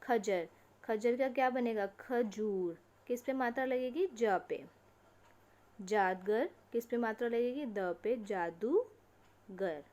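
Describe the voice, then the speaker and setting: A woman teacher giving an online lesson to young children. She reads words slowly, one at a time, and asks questions that she answers herself. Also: on the high side, darkish tone. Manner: slow, drawn-out word-by-word reading for children. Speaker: school teacher.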